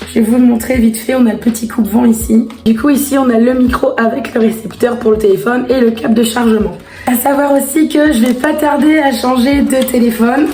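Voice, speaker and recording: A woman chatting casually to viewers as a vlogger, her voice hoarse and raspy, as if nearly lost. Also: on the high side, darkish tone. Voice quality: raspy, strained from laryngitis. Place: echoey room indoors. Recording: echoey room with background music. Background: music.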